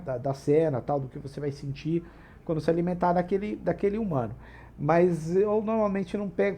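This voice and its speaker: A man's voice: high voice, dark tone. A man with a Brazilian Portuguese accent, hosting a tabletop RPG channel and explaining rules in a casual, digressive way with frequent tag questions.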